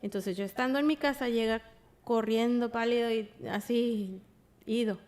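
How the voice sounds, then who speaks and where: A woman tells her story as a podcast guest. Her voice sits a little high, and she often trails off into quieter words as she goes. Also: normal speed. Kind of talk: casual storytelling.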